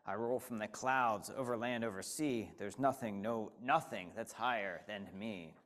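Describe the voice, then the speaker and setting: A man's voice: on the low side, normal speed, fairly bright tone, pitched below the performer's own voice, lightly acted. A man voicing a pompous, boastful turtle king who bellows his proud declarations in a storybook reading. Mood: blustering.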